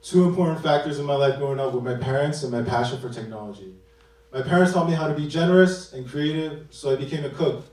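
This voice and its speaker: A man's voice: mid-range voice, fast talker, a little mellow. A man from Queens, New York, giving a rehearsed, upbeat demo presentation as a developer. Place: large event hall. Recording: echoey hall mic from a distance.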